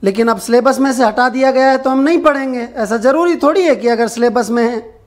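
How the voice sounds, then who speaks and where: A man's voice: very high-pitched, a little fast. A male teacher giving an online exam-prep lecture. He poses questions, answers them himself and repeats key points for his viewers. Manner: addresses viewers directly, asking for answers in the comments.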